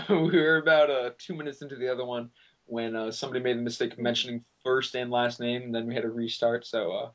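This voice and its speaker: A man's voice: mid-range voice, little pitch movement, fast talker, muffled recording. Giggly young man rambling through a story. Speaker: podcast co-host. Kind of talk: casual chat.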